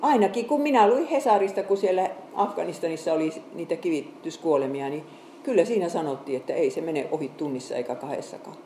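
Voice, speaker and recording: A woman's voice: low-pitched, lively intonation, warm tone, slight background noise. Earnest woman preaching in an echoey room. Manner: earnest, conversational, with halting restarts. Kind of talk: sermon with Bible reading.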